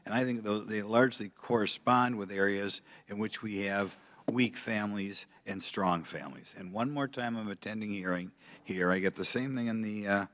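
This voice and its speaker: A man's voice: on the low side, moderate pace, fairly bright tone. An older man, a politician giving rambling, plainspoken, aggrieved remarks off the cuff at a legislative hearing. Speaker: politician, congressman.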